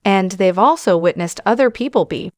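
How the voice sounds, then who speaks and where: A woman's voice: medium pitch, expressive, moderate pace, no room sound, clean studio sound. A woman hosting a channel, giving casual, opinionated commentary straight to her viewers with plenty of fillers. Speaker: channel host.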